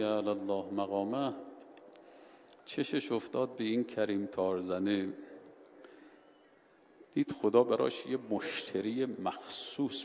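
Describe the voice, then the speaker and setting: A man telling a story in a sermon, shifting between hushed and loud, dramatic delivery. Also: on the low side, creaky. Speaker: preacher. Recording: hall reverb with faint ambient noise.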